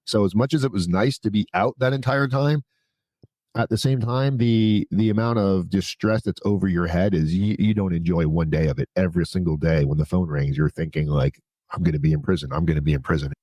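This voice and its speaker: Speaking fairly quickly in a low, darkish voice with no echo, this man is a prison consultant guesting on a podcast. He recounts his story in a frank, chatty way, with blunt, informal phrasing and casual swearing.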